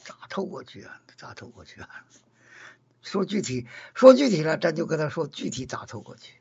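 High, gravelly man with a husky voice. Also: sing-song, moderate pace, a little mellow, muffled recording. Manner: earnest, repeats and rephrases points. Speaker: Buddhist discussion leader. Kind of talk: casual dharma discussion.

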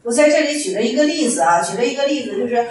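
A woman's voice: fairly high pitch, lively intonation, racing, darkish tone, slight background noise. A woman giving a Chan Buddhist dharma talk in a folksy storytelling way, repeating her phrases and acting out the masters she quotes. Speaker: Buddhist teacher. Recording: very echoey room, distant mic, faint ambience.

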